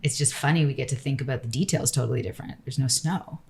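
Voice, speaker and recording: Low-voiced chatty woman architect. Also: fast talker, vocal fry, darkish tone. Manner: chatty, rambling, full of "like" and "you know". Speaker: architect guest. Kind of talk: casual interview chat.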